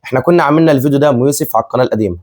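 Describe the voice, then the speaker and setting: A family vlog co-host in his twenties, with an Egyptian Arabic accent, chats casually with viewers, often repeating himself and laughing. His medium-pitched voice is darkish and rapid-fire.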